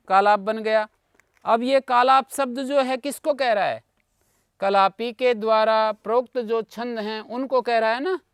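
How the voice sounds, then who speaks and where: Slow high-voiced man teaching grammar. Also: creaky, fairly bright tone, clean tone, no echo, studio quality. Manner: patient, explanatory, checks with listeners ("हैं?", "ना"). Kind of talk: online class lecture explaining grammar. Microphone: video call.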